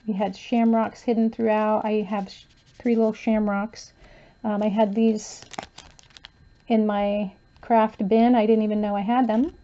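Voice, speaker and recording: A crafter flips casually through her handmade journal page by page, speaking softly and relaxed with plenty of "um" and "uh." Her mid-range voice is going hoarse and she clears her throat as she loses it, at a measured pace on a lo-fi recording.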